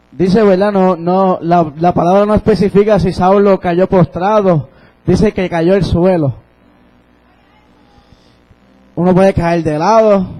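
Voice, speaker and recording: A man's voice: high voice, warm tone, low-quality recording. A young man preaching a sermon and telling his own testimony, fervent and repeating phrases.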